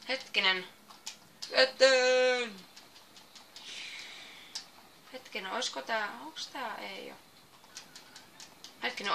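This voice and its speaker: A woman doing let's-play game commentary, excitable, shouting commands and exclamations at the game. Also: medium pitch, background noise. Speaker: gameplay commentator.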